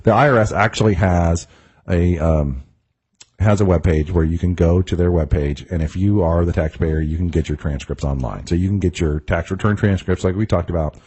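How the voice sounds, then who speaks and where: Man, middle-aged, deep, husky, mellow, tax attorney, casual radio chat, wry. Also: normal speed. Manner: explanatory, wry asides. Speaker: tax attorney, show host.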